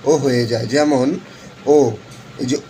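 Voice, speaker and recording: A man teaching pronunciation in an online lesson, slowly repeating his explanations with frequent fillers. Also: mid-range voice, fairly even intonation, vocal fry, darkish tone, poor audio. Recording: faint background noise.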